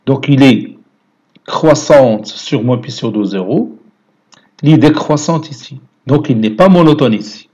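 Brief: Moroccan male math teacher, husky voice, patient step-by-step explanation. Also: mid-range voice, lively intonation, unhurried, dark tone, highs cut off. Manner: explains step by step, mixing French with Moroccan Arabic. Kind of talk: lecture.

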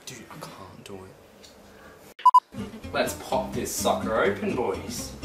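A man's voice: medium pitch, big pitch swings, slow pace, far from the mic. A man in his late teens talking casually to camera, slangy, sweary and reluctant. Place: home kitchen and dining room. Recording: echoey room, off-mic, loud music.

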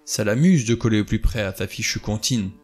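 A man reading a novel aloud, voicing a hardened adventurer who speaks fiercely, his voice shaky and close to shrill. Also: brisk, a little mellow, natural voice.

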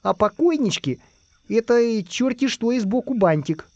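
A man's voice: very high voice, lively intonation, normal speed, darkish tone, no echo, dull audio, voice pushed up. A man voicing a cowardly, boastful male spy and robber in a whiny, squealing way. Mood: bragging.

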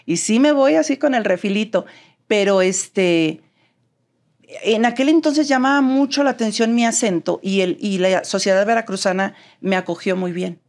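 Animated Mexican woman telling stories. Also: medium pitch, moderate pace. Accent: neutral Mexican Spanish. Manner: animated, acts out quoted dialogue. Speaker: guest. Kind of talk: storytelling interview chat.

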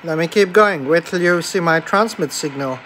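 Over background noise, a man with a higher-pitched voice talks at normal speed, giving casual commentary as he demonstrates electronics by hand. He's an electronics hobbyist presenter at a workbench in a small indoor room.

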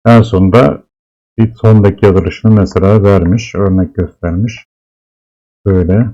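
A man teaching Arabic letters, explaining slowly and patiently and repeating each sound several times. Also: deep voice, fairly even intonation, warm tone, lo-fi sound. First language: Turkish. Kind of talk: slow classroom explanation of letters.

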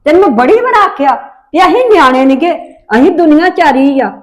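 A woman's voice: sits high, animated, a little fast. A middle-aged woman with a Punjabi accent, acting a firm, scolding mother in a family drama.

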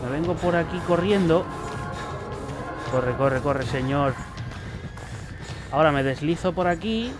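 A man's voice: a little high, unhurried, long pauses, music in the background. A young man, commenting casually on a horror game as he plays, swearing and chatting to the characters. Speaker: gaming YouTuber. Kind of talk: let's play commentary.

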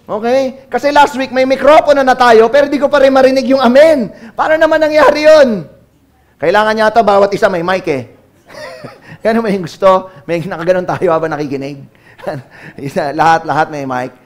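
A Filipino pastor preaching to his congregation in a notably high voice. He mixes English into his sermon and keeps calling on the crowd to answer him. His delivery swings between loud calls and low, quiet asides. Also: normal speed. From Philippines.

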